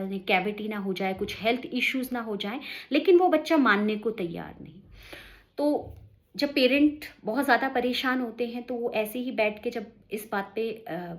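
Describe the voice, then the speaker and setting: A woman telling a short moral story in a casual, conversational way, speaking directly to her listeners. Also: fairly high pitch.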